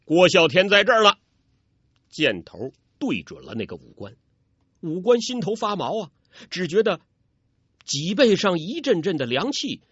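Male storyteller, dramatic and lively, husky edge, dry dull studio sound. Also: high-pitched, moderate pace, no echo. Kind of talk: traditional storytelling narration.

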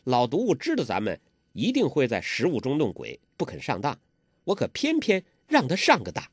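A man voicing a clever, playful young girl who talks quickly and teasingly. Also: mid-range voice, huge pitch swings, slightly rough, dry recording, clean studio sound.

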